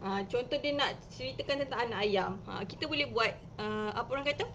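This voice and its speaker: A Malaysian woman teacher talks viewers through reading with children in a high, bright voice. She is chatty and explains each step with lively emphasis. It is an informal live stream, not a polished lecture. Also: a little fast, lo-fi sound, a little hiss or hum.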